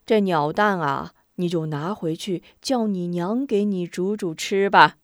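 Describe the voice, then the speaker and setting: A woman's voice: fairly low pitch, unhurried, dry recording, clean studio sound, close to an everyday voice. A woman doing a jolly old shopkeeper. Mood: kindly. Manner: chuckling and good-natured.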